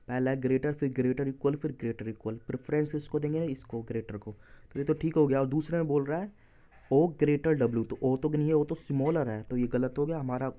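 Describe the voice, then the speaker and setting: A man's voice: mid-range voice, warm tone. A man teaching exam reasoning, explaining step by step and correcting himself. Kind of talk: exam-prep lesson walking through answers.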